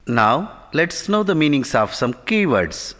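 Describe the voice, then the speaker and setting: Man, teacher, slow clear lesson reading, lively pitch, bright tone, long hall reverb. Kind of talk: scripted lesson narration.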